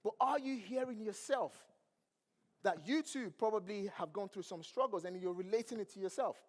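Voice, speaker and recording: A Nigerian man, a motivational speaker whose first language isn't English, preaches from a big stage in a large event hall. His high-pitched voice moves at normal speed, and his preachy delivery includes questions to the crowd. The motivational stage speech carries a long hall reverb.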